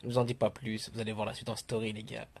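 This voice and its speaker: Slangy young French-speaking vlogger. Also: male voice, fairly low pitch, monotone, quick pace, creaky, a little mellow, slightly rough. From Portugal. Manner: slangy, joking, addresses viewers as "les gars". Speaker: travel vlogger. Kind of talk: casual vlog chat to camera.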